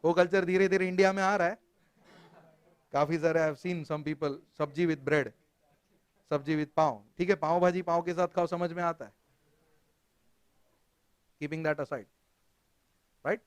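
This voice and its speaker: Lively Indian male teacher, high voice. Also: unhurried, pauses often, clear, resonant tone, dry recording. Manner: lively, jokey, quizzes students, mixes Hindi and English. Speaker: company law teacher. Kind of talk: classroom lecture. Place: classroom.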